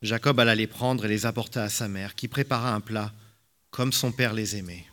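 A man narrating a Bible story in a steady, clear reading style. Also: lowish voice, normal speed.

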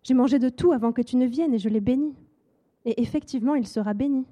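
A woman voicing a blind old patriarch who speaks in grave, measured pronouncements. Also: high voice, mellow, muffled recording. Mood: solemn.

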